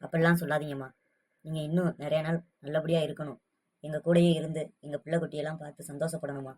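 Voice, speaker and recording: A voice actor as an earnest elder son, fast-talking. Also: medium pitch, little pitch movement, a little mellow, lightly acted. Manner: earnest, emotional pleading. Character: devoted elder son, adult.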